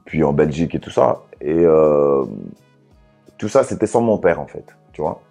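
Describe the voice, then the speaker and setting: A man from Congo telling his life story in a casual podcast chat, relaxed, often ending a phrase with a tag question. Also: a bass voice, moderate pace, gravelly, soft background music.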